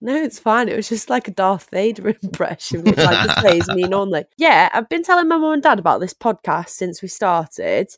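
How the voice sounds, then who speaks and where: A woman's voice: mid-range voice, sing-song, a little fast, hardly any pauses. A woman co-hosting a podcast, telling anecdotes in a casual, blunt and bantering way. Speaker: podcast co-host.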